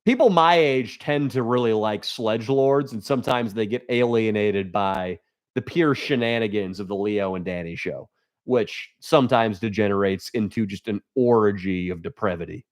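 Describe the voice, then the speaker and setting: A young man hosting a livestream, chatting casually to viewers and reading their comments, with crude deadpan jokes and rambling asides. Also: on the low side, moderate pace. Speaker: livestream host.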